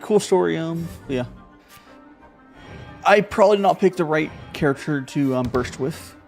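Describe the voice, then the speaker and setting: A streamer chats casually while playing a card game, thinking out loud with lots of fillers and repeated words. The voice is mid-range and gravelly, with lively intonation and a moderate pace, over soft background music. It's relaxed live gameplay commentary.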